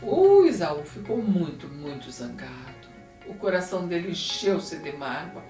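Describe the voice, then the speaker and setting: Brazilian woman, kids' Bible teacher, lively storyteller, mic from a distance. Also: sits low, a little slow. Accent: Brazilian Portuguese. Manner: expressive, animated storytelling. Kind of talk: storytelling lesson for kids. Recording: echoey room, distant mic, faint music.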